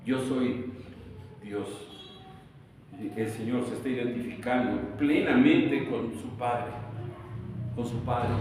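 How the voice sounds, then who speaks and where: A man's voice: high-pitched, far from the mic, slight background noise. A man preaching a sermon as pastor, emphatic and full of rhetorical questions. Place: church sanctuary. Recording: echoey church hall, voice from afar.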